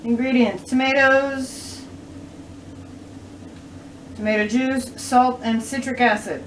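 Cooking in her kitchen for a home show, a middle-aged woman talks viewers through every step in a casual demonstration. She speaks slowly in a fairly high, steady voice. The recording comes from a camera a few feet off, with kitchen clatter and a faint hiss or hum.

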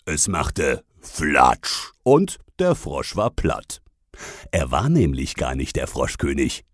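A man's voice: extremely low pitch, huge pitch swings, slow pace, dry recording, studio quality. A man narrating a comic fairy-tale parody in a mocking, sarcastic tone. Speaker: storyteller.

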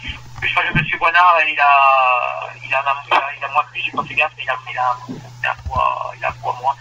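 A man's voice: medium pitch, lively intonation, quick pace, highs cut off, very noisy. A man, a racehorse trainer, answering interview questions with many hesitations and restarts. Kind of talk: phone interview.

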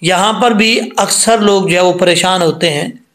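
A man teaching Quran pronunciation, patiently explaining each mistake step by step and then reciting the verses slowly in a chanted voice. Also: high voice, a bit bright. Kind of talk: tajweed lesson with slow chanted recitation.

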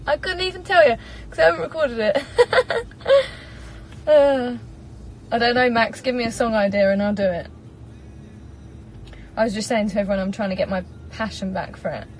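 A singer in her twenties with an English accent live-streams from a parked car, chatting casually and reading comments into a phone propped in front of her. Her voice is fairly high, her speed normal, and she pauses often, staying bubbly and giggly. There's a little hiss or hum on a rough recording.

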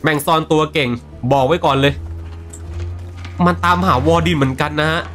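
A man's voice: on the high side, fairly even intonation, normal speed, a bit bright, soft background music. A man streaming a video game, translating the characters' lines aloud and chatting about them as he plays. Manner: voices characters' lines and reacts between them. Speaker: gaming streamer. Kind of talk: live game commentary with voice-over translation.

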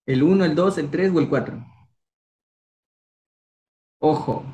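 A man's voice: a little high, slow, mellow. A young man from Ecuador teaching a language class, coaxing students with encouraging quiz questions. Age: young adult. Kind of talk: online class, quizzing students.

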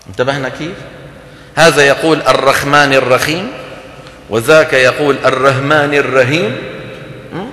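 Male lecturer, forceful bright voice, teaches by questions and sound demos, hall echo. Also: on the high side. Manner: explanatory, asks the audience questions and demonstrates sounds. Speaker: lecturer on Quran recitation. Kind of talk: religious lecture to an audience. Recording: echoey hall recording.

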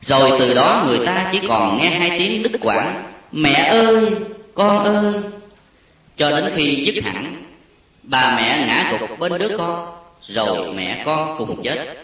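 A man narrating a solemn story with an expressive, emotional delivery. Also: medium pitch, a little slow. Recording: very echoey, distant, dull lo-fi sound.

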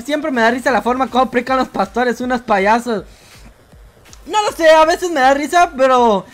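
A woman from Guatemala with a Guatemalan Spanish accent, hosting a livestream and reading viewers' jokes aloud in a playful, teasing way, always calling people "bro". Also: fairly high pitch. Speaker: livestream host.

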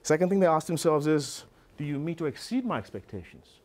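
A middle-aged man giving a motivational business talk to a live audience, telling a story in a lively, conversational way. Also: fairly high pitch, a little fast. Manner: animated, conversational storyteller with frequent "you know". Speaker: business speaker. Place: live presentation before an audience.

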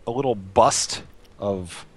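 A man's voice: lowish voice, takes it slowly, crowd noise. A man talking casually with friends as a player in a group game. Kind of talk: casual gaming chat.

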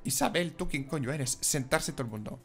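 A man giving casual, excitable and emotional commentary on a life-simulation game. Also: mid-range voice, brisk, breathy edge, faint music behind. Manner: excitable and emotional, exclaims and giggles. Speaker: gaming video host.

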